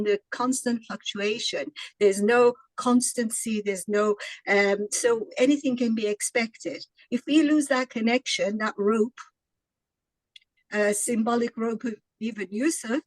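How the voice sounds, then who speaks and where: A woman in the audience giving a measured, thoughtful comment during an online Q&A, with frequent small fillers. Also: mid-range voice, no room sound, low-quality recording.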